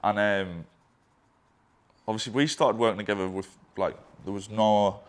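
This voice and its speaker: Young man, lowish pitch, candid and rambling, casually swears; a business partner looking back with him. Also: fairly even intonation, moderate pace. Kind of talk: candid conversation.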